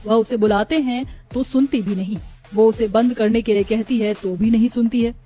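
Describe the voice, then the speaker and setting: Calm woman narrating a bedtime story. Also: fairly high pitch, normal speed, faint music behind.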